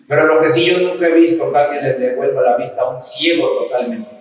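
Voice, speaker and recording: A man's voice: fairly high pitch, fairly even intonation, fast talker, a little hiss or hum. Preaching man in an echoey hall. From Mexico. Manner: impassioned preaching, rising to shouts in quoted cries. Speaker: pastor. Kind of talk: sermon. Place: church hall. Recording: echoey church hall, mic at a distance.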